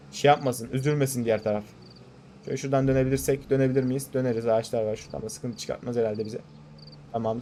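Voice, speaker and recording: A man hosting a gaming channel, giving casual, excitable commentary as he plays and talks to his viewers. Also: medium pitch, slight background noise.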